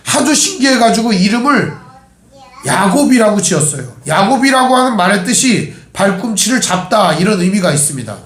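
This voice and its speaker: A man's voice: sits high, sing-song, normal speed, a bit bright, roomy sound. A male pastor giving a sermon, telling family stories with humorous asides. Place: church sanctuary.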